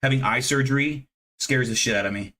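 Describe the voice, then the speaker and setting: A man in his thirties chats casually on a live stream, rambling from topic to topic, swearing freely and putting himself down. His medium-pitched voice is brisk, pushed and bright.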